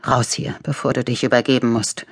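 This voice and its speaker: A woman voicing the hushed, urgent inner voice of a tormented man in a thriller audiobook. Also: very deep voice, level tone, fairly quick, breathy edge, heavily acted. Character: tormented man's guilty inner voice.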